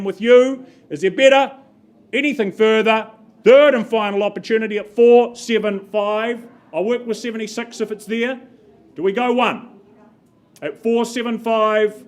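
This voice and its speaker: Woman auctioneer, pretty high voice, calling bids at a live auction, short repeated phrases. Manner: calls out bids and repeats figures in short phrases, prompting bidders.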